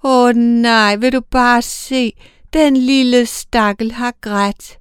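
A woman voicing a timid young angel, high and breathy. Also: no room sound, studio quality, close to an everyday voice. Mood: pitying. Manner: soft, pleading, often breathy or whispering. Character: young newly-appointed female angel, tender and timid.

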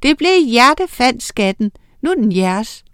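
A woman voicing a kindly man in a children's story, speaking slowly and with amusement. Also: fairly high pitch, very animated, clean tone, no echo, studio quality, pitched above the performer's own voice. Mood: amused. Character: laughing kindly man who hid a treasure.

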